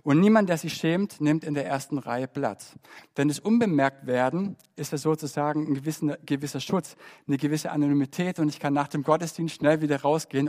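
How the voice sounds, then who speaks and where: His voice on the high side, a man delivers a church sermon that swings from forceful, loud emphasis to gentle, hushed pleading.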